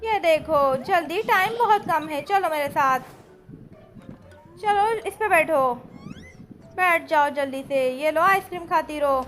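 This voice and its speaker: Very high-pitched bright woman, playful voice-over. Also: a little slow, pauses often, faint music behind. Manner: exclaiming, sing-song, childlike cheer. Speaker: voice-over for a kids' comedy skit channel. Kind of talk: playful voice-over dubbing skit characters.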